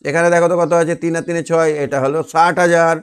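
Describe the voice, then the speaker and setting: A man's voice: on the high side, little pitch movement, fast talker, clean tone. A man teaching an online math lesson, patiently asking questions and answering them himself. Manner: patient, asks and answers his own questions. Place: online class on a video call.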